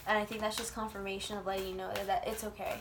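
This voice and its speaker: A woman's voice: mid-range voice, flat delivery, very fast, background noise. A woman reading tarot in an informal, chatty way, with blunt, colloquial phrasing and frequent swearing. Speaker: tarot reader.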